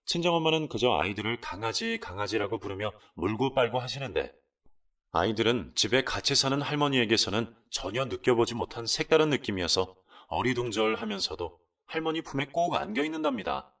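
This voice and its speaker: Male narrator of a radio drama story, lively expressive delivery, a bit far from the mic. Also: medium pitch. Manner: expressive storytelling in first person of a wife. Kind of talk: scripted narration of a listener's story.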